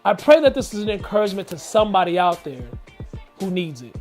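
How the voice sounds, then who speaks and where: A man's voice: high-pitched, big pitch swings, fast, a little mellow. Guy doing an earnest pep talk, kinda preachy, faint music in the back. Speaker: inspirational video host. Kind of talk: motivational storytelling talk.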